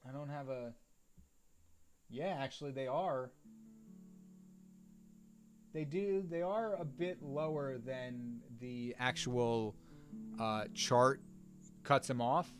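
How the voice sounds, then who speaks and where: A man talks casually to his live-stream audience as he draws, rambling in an easygoing way and filling pauses with ums and small laughs. His voice sits at an ordinary middle pitch. Soft background music plays faintly under his talk. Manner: easygoing and rambling, with frequent fillers and chuckles. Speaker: artist and voice narrator hosting a live drawing stream. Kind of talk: casual live-stream chat while drawing.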